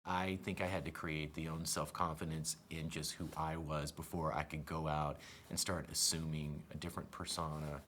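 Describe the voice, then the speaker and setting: A man in a documentary interview talks in a measured, candid way. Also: a bass voice, little pitch movement, fairly bright tone, a little hiss or hum.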